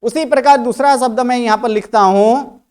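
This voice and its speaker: A man teaching a grammar class, who explains slowly, repeats his points, and keeps putting questions to his students while he writes on a board. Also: very high-pitched, darkish tone, smooth. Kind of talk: classroom lecture.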